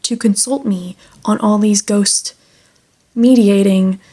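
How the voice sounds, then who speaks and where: A man's voice: high voice, fairly even intonation, slow, dark tone, slightly rough, heavily acted. A woman voicing a stern, disapproving male priest in a scolding, affronted way.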